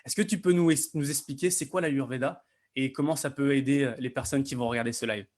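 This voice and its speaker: A man's voice: mid-range voice, fairly even intonation, quick pace, darkish tone. A man hosting a live online interview, upbeat and chatty, with many restarts. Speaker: host.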